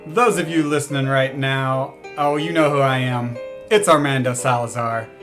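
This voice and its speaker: An actor playing a smug, boastful billionaire tycoon in a comedic fake ad, with a grandiose, showy pitchman delivery. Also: fairly even intonation, normal speed, a bit bright, natural voice. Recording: guitar music bed under voice.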